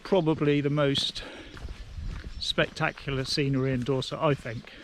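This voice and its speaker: An English man hosting a casual walking vlog outdoors on coastal cliffs, talking in a slow, relaxed, chatty way and getting out of breath on the hills. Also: mid-range voice, a little hiss or hum. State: out of breath on a hill. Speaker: vlogger host.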